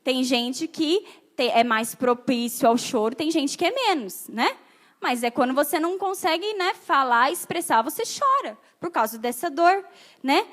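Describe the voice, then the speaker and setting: A woman's voice: high voice, lively intonation, measured pace, a bit bright. A Brazilian woman pastor preaching a sermon, often asking the congregation questions. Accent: Brazilian Portuguese.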